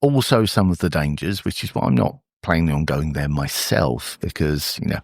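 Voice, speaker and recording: A man's voice: a bass voice, expressive, normal speed, vocal fry, dry recording, studio quality, pitched below the performer's own voice, exaggerated voice. A man voicing an alluring, mysterious woman with a persuasive proposition, in a tabletop role-play. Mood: scheming.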